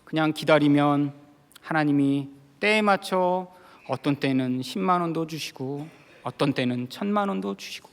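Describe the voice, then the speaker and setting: A middle-aged man, a guest pastor, preaching a sermon with a personal testimony in a large church sanctuary. He tells his story with swings from soft, quiet passages to loud, emotional outbursts. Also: a little high. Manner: softly sings a hymn's lines slowly. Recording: long hall reverb.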